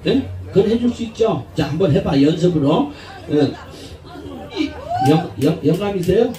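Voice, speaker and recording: A man's voice: high-pitched, lively intonation, normal speed, dark tone. A man doing a street prank comedy bit, coaxing passersby with a brash, laughing, swearing manner. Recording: echoey outdoor street, crowd noise, distant mic.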